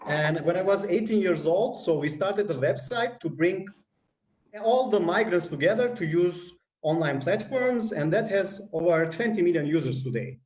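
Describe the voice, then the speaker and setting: A man from North Macedonia speaks as a guest on a live online panel, with a rather high voice. He talks earnestly and rambles, full of fillers like "you know" and "like". His voice carries a noticeable room echo. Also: expressive, moderate pace, a little mellow. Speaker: guest, hackathon community manager.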